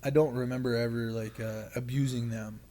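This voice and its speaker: A man's voice: mid-range voice, fairly even intonation, fairly quick, warm tone, slight background noise. A young man sharing his story as a podcast guest, casual and candid, rambling with lots of filler and swearing. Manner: rambling, heavy use of "like" and swearing.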